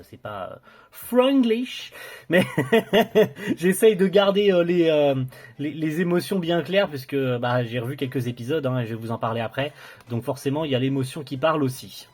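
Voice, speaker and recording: A man's voice: medium pitch, breathy edge. A young man casually reviewing a collector's box set, enthusiastic but hesitant, with many fillers and restarts.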